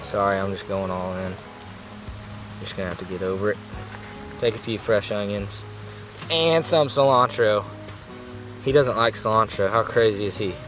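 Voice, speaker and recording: A man's voice: lowish voice, normal speed, long pauses, poor audio. A man, giving a folksy, laid-back cooking demo to the camera on a riverbank. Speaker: host. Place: outdoors on a gravel riverbank. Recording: music playing under the voice. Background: background music.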